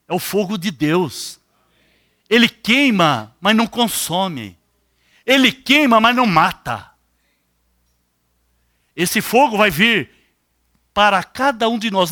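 Older man, brazilian accent, sermon preacher, bright voice, dry close sound. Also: sits high, no echo. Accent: Brazilian Portuguese. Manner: animated, questions the congregation directly.

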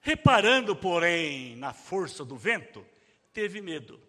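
A man's voice: high voice, big pitch swings, measured pace, in a large hall. A man preaching a sermon in a dramatic way, calling out the cries he reads aloud. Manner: dramatic, shouting out quoted cries.

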